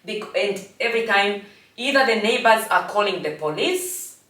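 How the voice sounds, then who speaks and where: A Namibian woman in her forties, telling a personal story in a halting, reflective way with frequent restarts. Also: mid-range voice, expressive, a bit bright. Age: 40s. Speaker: host. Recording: echoey room, distant from mic.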